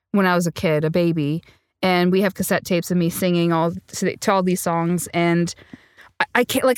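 A woman singer-songwriter speaks earnestly in an interview, with a lowish, smooth, resonant voice. She tells her story reflectively and laughs easily. The sound is dry and close. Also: no echo. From Sri Lanka. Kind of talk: conversational interview.

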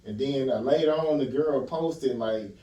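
A male host asks blunt, slangy questions in a loose conversation. His voice is mellow and dark. The room is echoey, and he sits away from the mic. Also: mid-range voice, measured pace, far from the mic, lo-fi sound. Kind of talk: casual interview chat.

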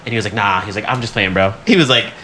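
A man co-hosting a podcast tells stories in casual, slangy, profane banter, often acting out what people said. His voice is lowish with a sharp tone, and he talks rapid-fire, with slight background noise.

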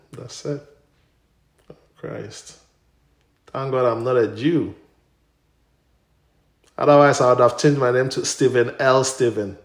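A man's voice: on the low side, vocal fry. A man preaching and teaching a group, emphatically repeating short phrases. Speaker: preacher leading a Bible study. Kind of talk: interactive sermon, teaching. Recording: echoey room.

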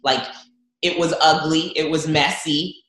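A woman's voice: low voice, fairly even intonation, measured pace, a bit bright. Woman from zambia, earnest faith testimony, candid, restarts, roomy echo. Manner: earnest, open, stumbling restarts. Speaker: guest.

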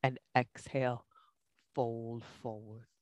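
Yoga teacher, slow breathing-coach delivery, short spaced cues for a guided class, dry sound. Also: mid-range voice, level tone, no room sound. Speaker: yoga instructor.

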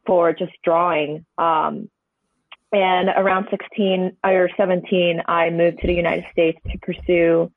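A Hong Kong painter in her twenties, whose first language is Cantonese, speaks in a mid-range voice over a tinny, dry phone line with no room sound. She is a guest on a conversational podcast interview, reflecting in a meandering way with many hedging asides.

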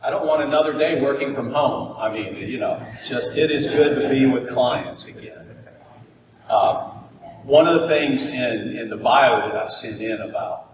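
A man's voice: mid-range voice, moderate pace, noisy background. A man from Florida giving a motivational keynote speech, telling folksy stories and joking with the audience. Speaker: keynote speaker. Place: conference hall. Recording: echoey hall, mic far off.

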